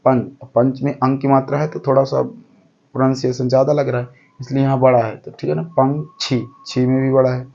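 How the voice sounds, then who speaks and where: A man's voice: medium pitch, flat delivery, normal speed, creaky, dark tone, muffled recording. A man teaching a lesson step by step, counting aloud and often checking that the class follows. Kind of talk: explaining a lesson.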